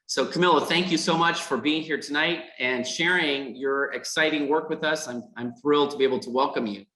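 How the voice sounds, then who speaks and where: A foundation host and interviewer opens an event on a video call by reading prepared remarks, stumbling into fillers and repeated words. His voice is a little high, brisk, pushed and bright, and the poor audio has a roomy sound.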